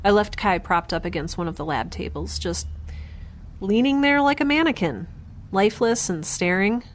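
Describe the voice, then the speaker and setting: As narrator and lead of a science fiction audio drama, a woman plays a weary, overwhelmed young scientist delivering a hesitant, wry, confiding diary monologue. Her mid-range voice is expressive and close to an everyday voice, at a moderate pace, with a weary, brooding mood.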